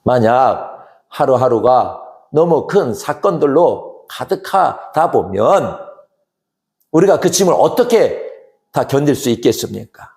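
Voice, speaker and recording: A man as pastor, giving an earnest sermon that swells to emphatic rises and sinks to hushed drops. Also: medium pitch, very animated, slow pace. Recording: roomy echo.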